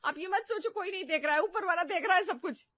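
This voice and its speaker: A woman's voice: high-pitched, expressive, moderate pace, dry recording, dull audio, pitched above the performer's own voice. A woman voicing a melodramatic, self-pitying young daughter-in-law who whines and accuses in theatrical wails. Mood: wailing accusing. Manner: whiny, accusing, theatrical wailing. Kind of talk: animated story voice acting.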